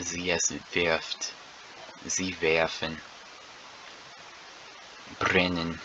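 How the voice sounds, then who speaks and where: A man teaching a lesson, drilling verb conjugations word by word and repeating each one deliberately, with an occasional slip. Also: deep voice, sharp tone, muffled recording, slight background noise. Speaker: language teacher.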